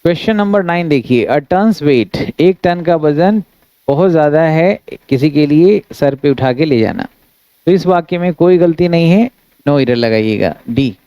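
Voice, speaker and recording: A man teaching an exam-prep grammar class in a mellow yet slightly high voice. He reads each English example slowly before explaining it. The recording is dry and a little dull. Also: clear, resonant tone, no room sound. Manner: addresses students as friends, steady instructive delivery.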